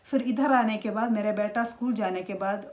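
A woman, talking casually to camera in a halting way with many restarts. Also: medium pitch, darkish tone. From India. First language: Malayalam. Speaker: vlogger.

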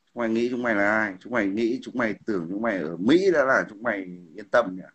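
A man's voice: on the low side, fast, fairly bright tone, breathy edge, highs cut off. A man ranting combatively on a livestream, hurling insults and repeating "hiểu không?". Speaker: livestream host. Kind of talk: heated political livestream rant.

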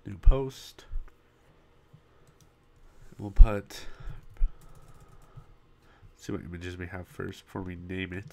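Low-pitched, creaky and dark, this man's voice holds a steady tone as he hosts a web design tutorial, recorded from his screen with slight background noise. His voice is going, so he coughs at times into a popping desktop mic while he casually explains each step of building a website, with plenty of pauses.

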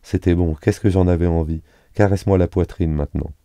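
Man reading playful young woman, frank, teasing, low dark voice, dry close sound. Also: fairly even intonation, fairly quick, no room sound. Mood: aroused. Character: uninhibited young woman aid worker, playful.

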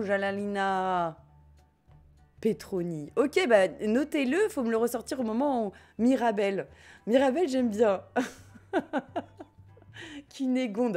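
In a fairly high, slightly mellow voice, a woman with a French accent offers casual gameplay commentary on a life-sim stream. She reads her chat, jokes around and laughs a lot.

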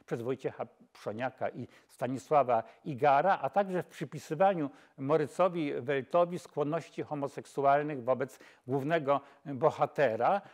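An older man, a film expert, giving a lecture on a film in a measured way, often pausing and correcting himself, recorded with a lapel mic in a dark studio. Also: medium pitch. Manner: measured, with frequent hesitations and self-corrections. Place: dark studio, seated on camera.

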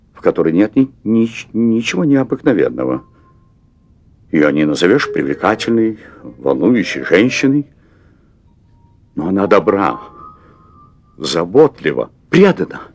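A nervous fifty-year-old husband. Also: male voice, low-pitched, big pitch swings, measured pace, long pauses, darkish tone, slight background noise, exaggerated voice. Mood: confessional. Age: 50s. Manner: confessional, hesitant, repeats words. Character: anxious middle-aged man, restaurant owner craving adventure. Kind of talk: stage play recorded for television. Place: theatre stage set as hotel room.

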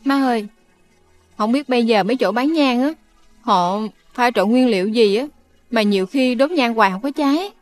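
A soft-spoken young wife with a Southern Vietnamese lilt, played by an actress in a TV drama. She coaxes and reassures, and her voice sits a little high. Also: normal speed, faint music behind, natural voice. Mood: soothing. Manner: soft, coaxing.

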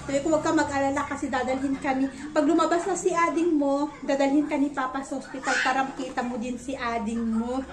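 A woman's voice: high-pitched, fairly even intonation, fast, few pauses, echoey room, crowd noise. A young woman, a mother, chatting casually to her viewers and telling a story from home while she works. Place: at home, indoors.

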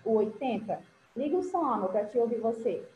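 A warm, animated woman with a fairly high pitch talks fairly quickly. She has a Brazilian Portuguese accent and is teaching English numbers to kids online, praising them with pet names. Captured over a video call, the audio is roomy and dull, with a soft hiss underneath.

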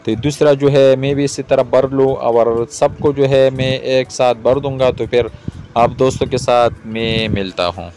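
A man in his thirties from Pakistan, hosting a cooking video and calmly explaining each step to viewers outdoors. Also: mid-range voice, a little slow, faint music behind. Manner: calm, repetitive explaining, addresses viewers directly. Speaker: cooking channel host. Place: outdoors in a garden yard.

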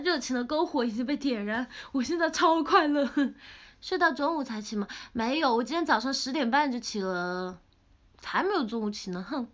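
A young woman with a Sichuan-flavored Mandarin accent, chatting playfully on a livestream and reading comments, pouty and quick to laugh. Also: a little high, fairly bright tone. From Sichuan, China. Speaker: idol livestreamer. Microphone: phone camera. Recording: dull lo-fi livestream audio.

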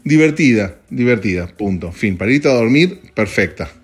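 A man's voice: on the low side, expressive, normal speed, husky. A young man with an Argentine accent, chatting casually and rambling for his podcast while standing in an office. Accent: Argentine Spanish. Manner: rambling, joking, swears casually, jumps between topics. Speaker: podcast host. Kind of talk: casual voice-note chat.

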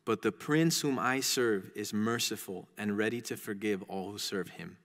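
A humble little boy pilgrim speaks in a whispered role-play, soft and slow, as a man voices him. The hush hangs in a long church reverb. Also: lowish voice, pitched below the performer's own voice.

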